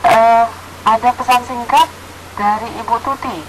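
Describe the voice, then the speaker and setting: A woman's voice: fairly high pitch, fairly even intonation, a little slow. A woman hosting a live call-in show, addressing guests and reading out listener messages. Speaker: radio call-in host. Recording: very noisy radio-like recording.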